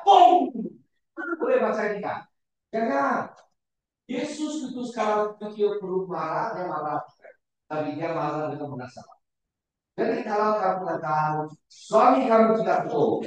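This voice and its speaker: A man preaching a sermon to a congregation, repeating words and shouting for emphasis, often putting questions to his listeners. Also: sits high, a little hiss or hum. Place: church hall. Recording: very echoey church hall, far from the mic.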